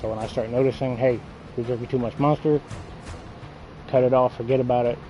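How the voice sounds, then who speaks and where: Low-voiced man talking around a lip of dip. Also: steady tone, fairly quick, dark tone, dull audio, faint music behind. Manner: blunt, coarse, frequent swearing; talks with a lip full of dipping tobacco. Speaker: gaming video creator. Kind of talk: casual rambling monologue.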